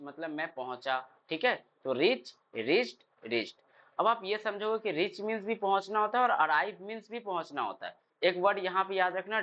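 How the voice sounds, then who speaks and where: A man teaching English verbs, who drills the word forms aloud and asks his class questions. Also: high voice. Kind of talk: classroom lesson. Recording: dull lo-fi sound.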